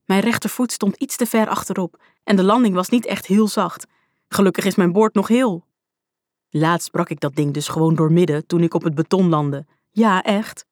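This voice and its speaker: A woman reading a storybook aloud in the first person, with a lively, vivid telling. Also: lowish voice, normal speed, no room sound, studio quality. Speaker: audiobook narrator. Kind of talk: scripted storybook narration.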